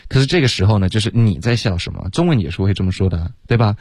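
Deep-voiced man teaching English casually. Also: fast, dry recording, clean studio sound. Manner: relaxed, laughs often, switches into English examples. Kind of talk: casual radio lesson.

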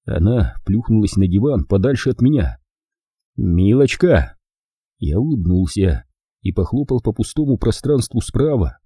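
Give me a wry male audiobook narrator with a husky, mellow voice and a lively pitch. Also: no room sound, clean studio sound. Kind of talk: first-person audiobook narration.

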